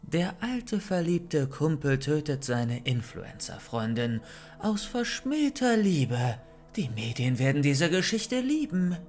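Guy reading a smug evil young woman, taunting, higher voice, bit of music behind. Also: big pitch swings, slow, darkish tone. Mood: cold gloating. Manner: mocking, gloating. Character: scheming young woman villain, cold and taunting.

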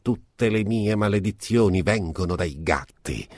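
A man voicing an old impoverished noblewoman with a high, slightly nasal, querulous voice. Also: lively intonation, unhurried, darkish tone, no room sound, studio quality. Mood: lamenting. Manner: querulous, self-pitying.

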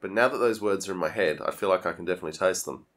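A man's voice: sits low, rapid-fire. A man hosting a podcast, chatting casually with many ums and restarts. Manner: relaxed, hesitant with many ums. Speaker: podcast host. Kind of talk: casual chat.

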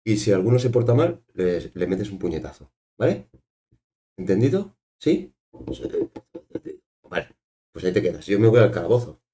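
A man's voice: on the low side, big pitch swings, normal speed, warm tone. A man, chatting playfully on a live stream as he draws, repeating himself and bossing a toy around. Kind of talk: casual live-stream chat while drawing.

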